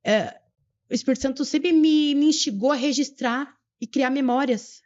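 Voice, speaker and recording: A young woman shares her story as a podcast guest, earnest and fervent, slowing down for emphasis. Her voice sits fairly high but sounds mellow and warm. The audio is slightly dull and muffled. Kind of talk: emotional personal testimony.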